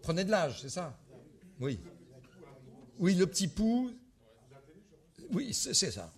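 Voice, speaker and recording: A man leading a wordplay game with an audience, animated and hesitant, full of restarts and fillers. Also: high-pitched, takes it slowly, husky. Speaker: word game leader.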